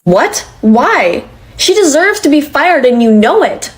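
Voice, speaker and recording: A woman's voice: high voice, sing-song, slow, heavily acted, rough recording. A woman voicing a frustrated young female worker in a comedy cartoon, protesting and indignant. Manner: exasperated, protesting. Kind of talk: animated comedy dialogue.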